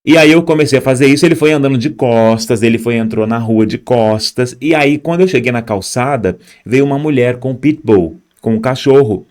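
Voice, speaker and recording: A man's voice: medium pitch, brisk, few pauses, darkish tone. A young man tells his own story as an immigrant, speaking straight to viewers and pointing at footage on screen. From Brazil. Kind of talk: personal storytelling.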